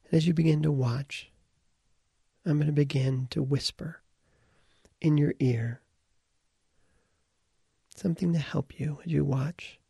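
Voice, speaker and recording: A man with a deeply husky, gravelly voice talks a listener slowly through a guided visualization. His tone is dark and relaxed, and he often sinks to a whisper. The sound is dry and close, with no room around it. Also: dry recording. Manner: calm, soft-spoken, drifts into whispers. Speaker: guided meditation leader.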